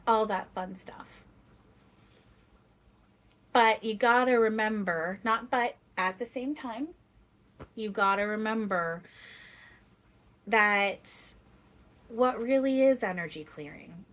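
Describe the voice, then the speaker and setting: A woman speaking as a seance medium, voicing a gentle, playful, loving spirit guide who teaches in halting phrases with long pauses. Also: mid-range voice, close to an everyday voice. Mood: earnest, emphatic. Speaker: trance channeler. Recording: clear steady background noise.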